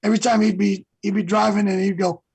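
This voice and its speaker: A man's voice: high voice, little pitch movement, fast talker, darkish tone, slightly rough, no echo, rough recording. A man guest on an interview show, chatting casually and rambling through stories with lots of fillers. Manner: rambling storyteller, many fillers. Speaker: guest singer.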